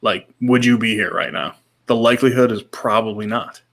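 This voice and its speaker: A man in his thirties co-hosts a casual podcast, his medium-pitched voice steady in tone, a little fast and fairly bright. He talks in a laid-back, slangy way with short repeated reactions and sometimes reads out comments.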